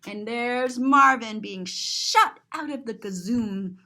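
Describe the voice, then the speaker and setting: This woman's voice is a little high, bright and forceful, and she keeps a slow pace. Reading a picture book aloud to kids as a teacher, she animatedly and playfully explains what the pictures contain.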